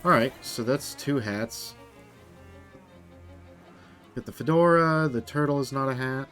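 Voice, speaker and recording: A man's voice: medium pitch, measured pace, fairly bright tone, soft background music. A man chatting casually through a let's play, with rambling, self-mocking asides. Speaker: gamer.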